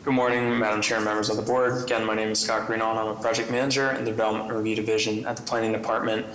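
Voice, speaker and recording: Low flat man speaking over a video call. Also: rapid-fire. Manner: reads dates and steps in an even, businesslike way. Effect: heard over a video call. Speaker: city planning project manager. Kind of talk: formal procedural report at a public hearing. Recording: roomy video call audio with faint noise.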